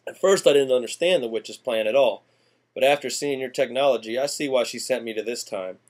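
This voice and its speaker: In character as a folksy, rambling small-town man from the 1890s, a male student presenter delivers an acted class monologue in drawling country slang. His voice is medium in pitch, fairly quick, and lightly acted.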